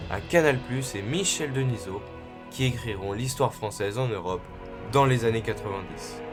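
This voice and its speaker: A man reading scripted documentary narration as the narrator of a sports history. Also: mid-range voice. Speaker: narrator of a football club history. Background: music.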